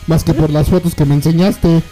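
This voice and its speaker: A man's voice: on the high side, steady tone, fairly quick, mellow, faint music behind. A young man with a Mexican accent, chatting casually as a podcast co-host, teasing his friend with crude slang and acting out voices in his stories. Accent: Mexican Spanish. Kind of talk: casual chat.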